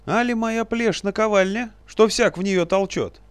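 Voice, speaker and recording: A man's voice: high-pitched, clear, resonant tone, no room sound, voice pushed up, close to an everyday voice. A man reading a story aloud and voicing a fussy, easily outraged male sorcerer who shrieks and scolds. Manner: shrieking, indignant, rapid outbursts.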